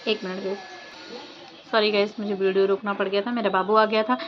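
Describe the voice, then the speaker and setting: A woman's voice: mid-range voice, little pitch movement, fairly quick, faint music behind. A woman vlogger giving chatty gossip commentary, asking many rhetorical questions and using fillers. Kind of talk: casual gossip commentary to camera. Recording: dull lo-fi sound with faint background noise.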